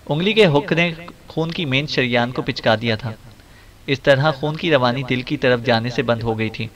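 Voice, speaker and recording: A man narrating a spy thriller audiobook at a middle pitch. He keeps a steady, dramatic storytelling pace. The reading sounds unhurried and even.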